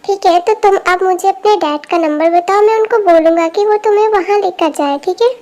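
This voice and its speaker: A woman voicing a calm, caring young man in an amateur fan dub, with a gentle, reassuring manner. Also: extremely high pitch, a little fast. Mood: scolding.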